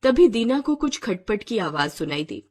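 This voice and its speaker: A woman narrating an animated folk story in a dramatic, expressive storytelling style. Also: medium pitch, normal speed, breathy edge.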